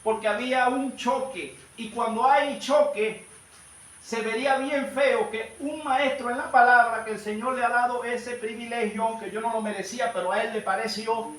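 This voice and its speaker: High-voiced male preacher in echoing church. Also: fairly even intonation, moderate pace, a bit bright. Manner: fervent preaching, often addresses listeners as brother. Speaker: evangelist preacher. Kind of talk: sermon. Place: church service. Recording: echoey hall, distant mic, faint noise.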